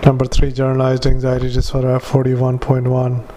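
Male clinician dictating to a recorder; very flat, halting, mid-pitched. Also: slight background noise. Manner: halting, with many filler sounds and restarts. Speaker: clinician dictating a patient report. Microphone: handheld dictaphone.

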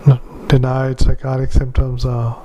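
A clinician dictating a patient report into a dictaphone, halting with frequent filler sounds and restarts. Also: male voice, medium pitch, completely flat delivery, dark tone, a little hiss or hum. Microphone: handheld dictaphone.

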